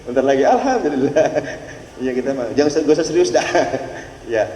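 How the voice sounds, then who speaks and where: A man preaching a humorous sermon, telling the story in a lively, joking way. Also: a little high, fairly quick. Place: large hall. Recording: echoey hall, distant mic, faint noise.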